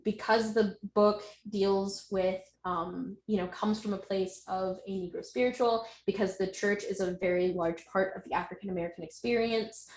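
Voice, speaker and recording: A woman's voice: mid-range voice, roomy sound, poor audio. A woman author answering questions at an online book launch. She speaks casually and hesitantly, with many ums and self-corrections. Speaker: author being interviewed.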